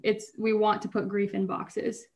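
A woman's mid-range voice, a little mellow, comes across flat and measured. Co-hosting a podcast, she chats casually and rambles, breaking off her own sentences and laughing as she tells hard stories.

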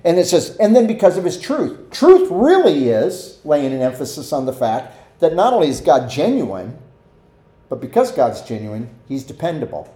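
A man's voice: fairly high pitch, wildly swooping pitch, moderate pace, dark tone, roomy sound. A man preaching a conversational sermon as pastor, acting out quoted voices as he teaches. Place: church sanctuary.

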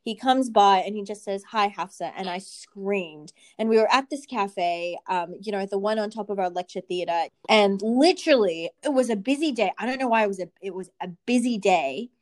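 A young woman tells a story in casual podcast chat. Her delivery is animated, full of "like" fillers and quick restarts. Her voice sits at an ordinary middle pitch.

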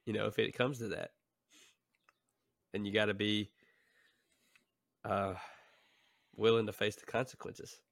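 Low-pitched guy rambling casually on a podcast, dead dry sound. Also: level tone, measured pace, vocal fry, long pauses, a bit bright, no echo. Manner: rambling, laughs between thoughts. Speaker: podcast co-host. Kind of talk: casual chat.

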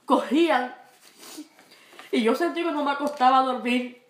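A woman giving an emotional religious testimony, halting and repeating words, rising high and loud when reliving fear. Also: reverberant. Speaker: testifying believer.

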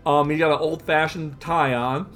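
Higher-voiced man recapping comics casually. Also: steady tone, normal speed, fairly bright tone. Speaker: podcast co-host.

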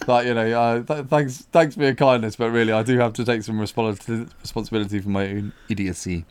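In a relaxed podcast conversation, a young male co-host narrates a story at a quick pace, animatedly voicing the other characters' lines with a rising pitch. There's slight background noise in the recording.

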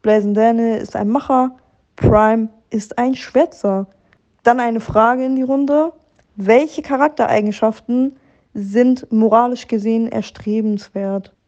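A woman laying out a point-by-point argument in a measured way. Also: a little high, steady tone, a little mellow, dull audio.

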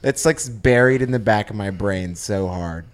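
A podcast co-host musing in a loose, drawn-out way during casual chat. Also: male voice, lowish voice.

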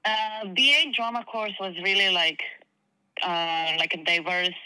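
A woman's voice: mid-range voice, steady tone, unhurried, bright, forceful tone, clean tone, low-quality recording. Croatian-accented young woman, hesitant. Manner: hesitant, many fillers, laughs easily. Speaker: guest actress. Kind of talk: casual interview chat.

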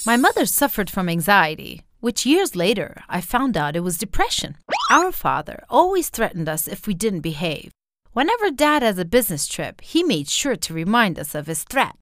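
A woman's voice: mid-range voice, big pitch swings, moderate pace, a bit bright, no echo, studio quality. A woman narrating a scripted first-person story, acting out the quoted lines.

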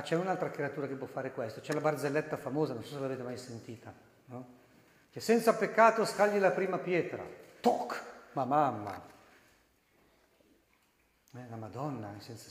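A priest giving an animated sermon, breaking into loud, emphatic bursts and asking his listeners direct questions. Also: medium pitch, a little hiss or hum. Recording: echoey hall with long reverb.

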